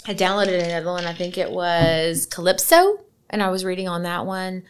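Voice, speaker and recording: A woman's voice: lowish voice, moderate pace, smooth. A woman co-hosting a podcast in casual chat, teasing and laughing often. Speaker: podcast co-host. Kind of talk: casual chat over drinks.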